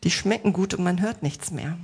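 Addressing her congregation directly, a woman preaching a sermon asks rhetorical questions, adds playful asides, and reassures them gently. Her pitch is fairly low at a normal speed, with slight background noise.

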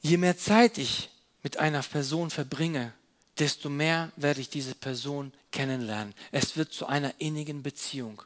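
A man preaching a sermon as an object lesson, explaining while he handles props and repeating his key phrases earnestly. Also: a little high.

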